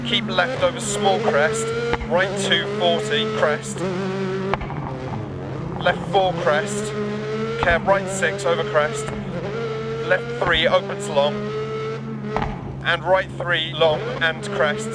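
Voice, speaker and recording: A man playing a focused rally co-driver in a racing game, reading clipped, terse pace notes over loud car noise. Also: high voice, steady tone, takes it slowly, long pauses, loud music behind the voice. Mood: focused, businesslike. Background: rally car engine, tire squeal.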